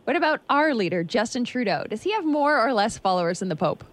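Lady radio cohost, highish voice, really animated, teasing banter and quiz stuff. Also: quick pace. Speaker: radio show co-host. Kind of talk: playful morning radio banter and quiz hosting.

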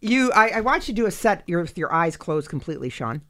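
A woman's voice: fairly low pitch, big pitch swings, fairly quick, a bit bright. A woman hosting a radio comedy talk show, chatty and teasing, laughing a lot.

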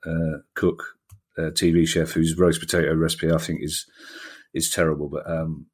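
A man hosting a podcast, chatting and bantering in a jokey, relaxed way. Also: extremely low pitch, moderate pace, husky. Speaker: podcast host. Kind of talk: casual podcast chat.

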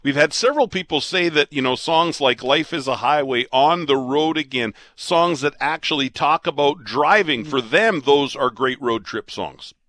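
A man in his late fifties hosting a radio talk show, chatting in a relaxed, rambling, self-deprecating way. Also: fairly high pitch, moderate pace, few pauses, no echo. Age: 50s.

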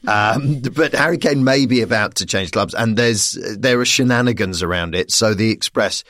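A man's voice: on the low side, moderate pace, fairly bright tone, no room sound, clean studio sound. A man chatting as a comedian guest on a panel, playful and laughing as he rambles through asides. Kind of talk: casual panel chat.

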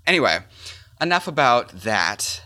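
A man hosting a podcast, chatty and teasing, his voice jumping up on excited words. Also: medium pitch, unhurried, no echo. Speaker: podcast host. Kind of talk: casual podcast interview.

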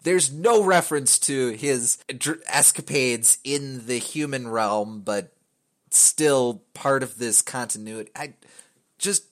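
A man's voice: mid-range voice, takes it slowly, fairly bright tone. A man hosting a casual podcast chat about a video game, wry and rambling, with a lot of fillers and restarts. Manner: wry, joking. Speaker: podcast host.

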